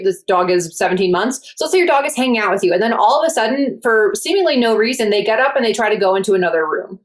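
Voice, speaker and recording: A woman dog trainer chatting casually and posing questions to the panel. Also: on the high side. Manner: chatty, leads questions to the group. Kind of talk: casual roundtable chat.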